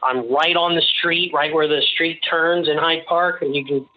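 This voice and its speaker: A male podcast guest talks casually in a halting, rambling, joking way. The recording is narrow and lo-fi, like a phone. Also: a little high, fairly even intonation. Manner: jokey, rambling, halting delivery. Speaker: podcast guest, small-business owner. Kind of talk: casual interview chat. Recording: slightly dull, lo-fi sound.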